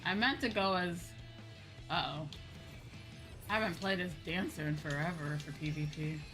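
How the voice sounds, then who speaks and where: Music runs behind a woman hosting a live gaming stream as she rambles and chats expressively with viewers. She speaks casually in a lowish voice at a moderate pace.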